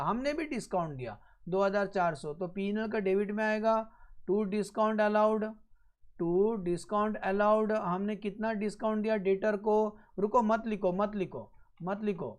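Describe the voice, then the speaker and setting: Man drilling an accounting lesson. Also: high voice. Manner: repeats each point slowly and checks understanding. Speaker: accounting teacher. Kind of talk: classroom lecture.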